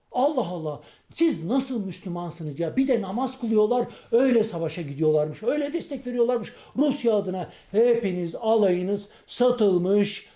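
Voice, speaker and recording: A man's voice: sits high, warm tone, reverberant. A man playing a muddled, indignant man-on-the-street in a comic monologue, rambling, tripping over his words and scolding as he goes. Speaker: comedian playing a street character.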